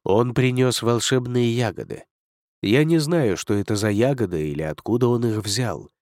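A man's voice: medium pitch, lively intonation, normal speed, darkish tone, dry recording, studio quality, natural voice. A man reading an audiobook, voicing a proud male dragon lord who speaks coldly and curtly. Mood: stern. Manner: cold, curt, commanding.

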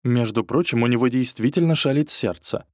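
A caustic middle-aged stepmother who scolds and snaps back, as a male narrator voices her. Her voice sits clearly higher than his own. It is recorded close and dry. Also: normal speed, a little mellow, dry recording, close to an everyday voice. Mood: reproachful. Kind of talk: audiobook character voice.

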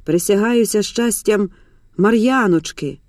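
A woman's voice: medium pitch, a little slow, darkish tone, dry recording, studio quality, natural voice. A woman reading the part of a scrawny, ingratiating old grandmother with a folksy, coaxing way of speaking. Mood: defensive.

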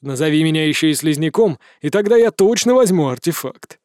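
Dude doing a sarcastic lizard wizard, deadpan teasing, storybook read. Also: male voice, a little high, fairly quick, dry recording, natural voice. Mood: mocking. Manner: mocking, dry, stubborn. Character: wry sardonic lizard-man mage.

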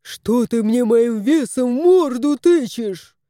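A woman's voice: medium pitch, big pitch swings, mellow, no echo, clean studio sound. A woman voicing a plump, touchy male house cat who whines and sulks in an audiobook. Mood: sulky. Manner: whining, drawn-out complaints. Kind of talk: audiobook character voice.

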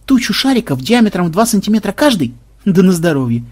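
A smug programmer, as a male reader puts him on, grinning through every line in a raised, lively, husky voice. His mocking tone swings high and low. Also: quick pace, full character voice.

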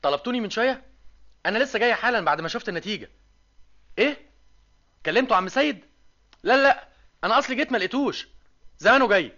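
An actor playing a lively young male student in an old Egyptian radio drama, speaking with an Egyptian accent. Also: high voice, rapid-fire, long pauses, heavily acted. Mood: overjoyed. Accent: Egyptian Arabic. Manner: lively, teasing, excited. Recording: dull old radio recording with music.

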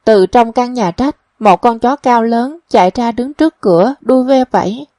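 A woman narrating a novel as a measured audiobook reading, also speaking the characters' quoted lines. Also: a little high, warm tone, dry recording, clean studio sound.

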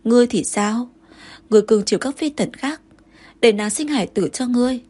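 A woman plays a proud, jealous young consort, firing back sharp, indignant retorts in an accusing mood. Her breathy voice sits fairly high and moves fairly quickly.

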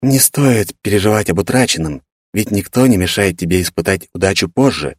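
A man voicing a calm, composed, reserved man, speaking quietly and evenly. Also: fairly low pitch, moderate pace, no echo, clean studio sound, voice pushed up.

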